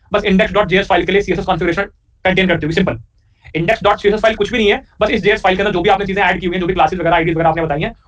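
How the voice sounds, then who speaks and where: Rapid-fire high-voiced male tutor. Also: a bit bright. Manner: rapid, repeats questions back to students, joking asides. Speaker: programming teacher. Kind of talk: live coding lecture. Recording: distant, dull lo-fi recording.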